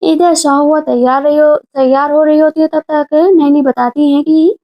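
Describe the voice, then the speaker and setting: High-voiced woman recapping a film. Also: steady tone, dull audio. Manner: retells scenes briskly, reading characters' lines in her own voice. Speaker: movie recap narrator. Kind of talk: casual plot-retelling narration.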